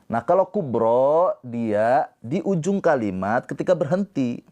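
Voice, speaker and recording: A man teaching tajwid on a live stream, explaining slowly and patiently and breaking into drawn-out chanted recitation. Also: mid-range voice, lively intonation, a little mellow, highs cut off. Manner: talks to viewers in the comments.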